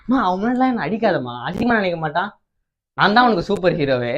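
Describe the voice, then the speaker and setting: A man pranking his mother, pleading fast and coaxing a crying child in casual banter. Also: high voice, big pitch swings, highs cut off, slight background noise. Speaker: prankster, YouTube host.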